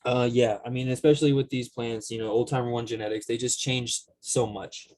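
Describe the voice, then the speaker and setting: A man in casual podcast conversation, speaking in a measured, conciliatory way with hesitant phrasing. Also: medium pitch, steady tone, a little mellow, slight background noise.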